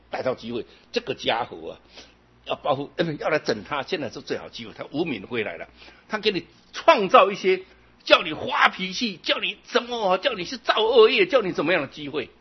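A man giving a Buddhist dharma talk, chanting examples fast and slow and asking rhetorical questions. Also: a little high, slightly rough, lo-fi sound. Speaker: Buddhist teacher.

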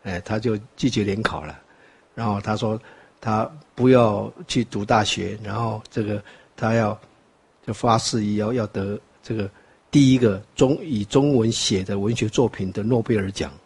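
A man's voice: on the low side, normal speed, a little mellow, slightly rough. An older man from Taiwan with a Taiwanese Mandarin accent, giving a rambling Buddhist teaching talk full of fillers and wry asides. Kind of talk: dharma talk lecture.

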